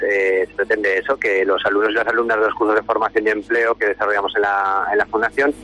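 A man's voice: lowish voice, sharp tone, low-quality recording. A man answering spontaneously in a radio interview, hesitating and repeating words. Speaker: charity communications officer, interview guest.

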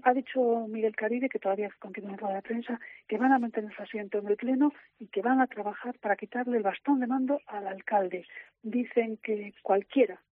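A woman field reporter calling in live from a press conference, speaking quietly and hurriedly with frequent fillers. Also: on the high side, steady tone, dry recording, narrow, tinny audio. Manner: hushed, hurried, many fillers and restarts. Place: city hall during a press conference. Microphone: phone.

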